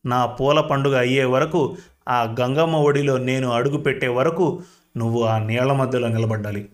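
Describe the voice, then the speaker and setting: A man's voice: mid-range voice, steady tone, moderate pace, natural voice. A man voicing a proud, scheming village woman. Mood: commanding. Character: proud woman feigning a goddess possession.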